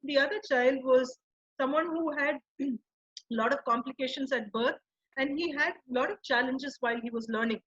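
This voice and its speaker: Earnest woman counselor, husky high voice. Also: moderate pace, fairly bright tone, lo-fi sound. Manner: earnest, asks the audience for agreement. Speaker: child counselor and educator. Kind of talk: talk to parents.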